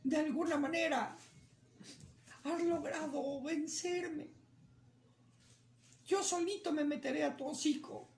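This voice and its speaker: A woman voicing a small, clever male rabbit who begs in a high, squeaky voice. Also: steady tone, slow pace, pauses often, a little mellow, slight background noise. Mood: sly, meek. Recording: roomy echo, faint ambience.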